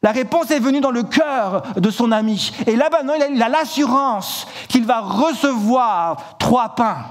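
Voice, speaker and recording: Male preacher with a high voice, vivid storytelling, repeats himself, church sermon. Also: normal speed, few pauses. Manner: animated storytelling, acts out shouted lines; repeats words, stumbles and restarts.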